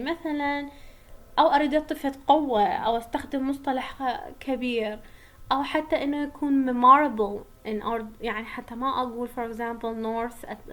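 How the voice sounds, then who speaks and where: A young woman with an Iraqi Arabic accent giving a university lecture, switching between Arabic and English as she explains terms step by step. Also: high voice. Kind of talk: online linguistics lecture.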